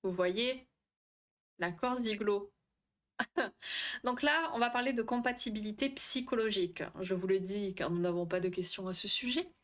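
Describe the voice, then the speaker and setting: A young woman hosting a casual live stream, chatty and quick to swear, often tripping over her words while she answers the chat. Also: mid-range voice, a bit bright. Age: young adult. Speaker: livestream host on relationships.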